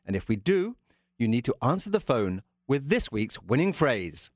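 Animated male radio host, lively pitch swings. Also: normal speed, dry recording, clean studio sound. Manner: animated, polished promotional delivery. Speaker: radio travel show host. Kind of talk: scripted radio presenting, descriptive narration. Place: radio studio. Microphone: close studio microphone.

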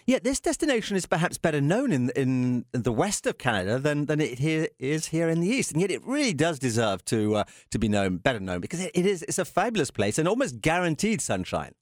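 A man hosting a radio travel show with an animated, polished promotional delivery, scripted and descriptive. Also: fairly high pitch, brisk, hardly any pauses, no echo, clean studio sound. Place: radio studio. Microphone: close studio microphone.

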